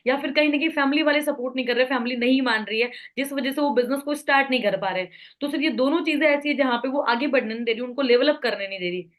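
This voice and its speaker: A woman's voice: high-pitched, quick pace, hardly any pauses. A woman at a team meeting, politely putting her team's doubts to the leader and calling him sir. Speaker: team member asking questions.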